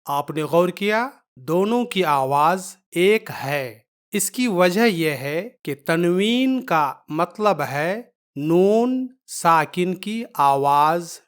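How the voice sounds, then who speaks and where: Patient woman teacher, slightly low voice, slow and repetitive. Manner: patient, repeats each point, drawn-out letter sounds. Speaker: Quran reading teacher. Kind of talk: slow step-by-step lesson.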